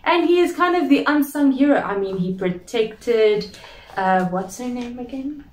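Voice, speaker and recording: A woman's voice: on the high side, animated, unhurried, a little mellow, echoey room, distant mic, slight background noise. A young woman hosting her vlog, chatting casually and playfully. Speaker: vlog host. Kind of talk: casual chat.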